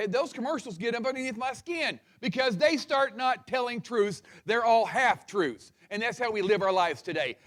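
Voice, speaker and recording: Fired-up high-voiced male preacher. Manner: passionate, fired-up preaching with crowd call-and-response. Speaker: pastor. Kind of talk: sermon.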